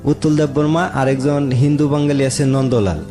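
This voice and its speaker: Over background music in a radio studio, a man from rural Moulvibazar in his late thirties relates his own story as an interview guest, plain-spoken and respectful. His Sylheti-region Bangladeshi accent comes through a medium-pitched voice with a steady tone and moderate pace.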